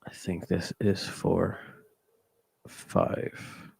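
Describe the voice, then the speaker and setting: A man provides live golf commentary at a very unhurried pace. His voice is low and creaky, with a hushed, hesitant manner, as if working things out aloud. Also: little pitch movement, no echo, poor audio.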